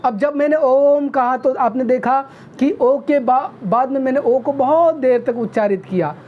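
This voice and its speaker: A woman teaching a video grammar lesson, who often checks in with "okay?" and sounds out vowels slowly. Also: sits high, a little hiss or hum. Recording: dull lo-fi recording.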